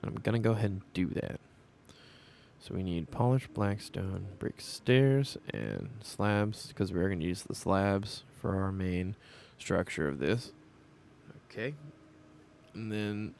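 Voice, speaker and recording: A man's voice: fairly low pitch, gravelly, slight background noise. A man giving casual commentary while building in a game, thinking aloud and rambling, bothered by hiccups. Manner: rambling, thinks aloud, repeats things to himself. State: hiccuping and burping. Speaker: Minecraft builder narrating his build. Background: soft background music.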